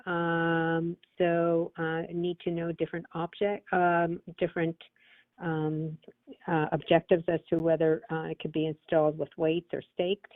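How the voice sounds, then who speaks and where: A woman caller leaving a halting voicemail full of fillers, heard over a phone line. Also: low-pitched, monotone, no room sound. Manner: hesitant, halting with many fillers.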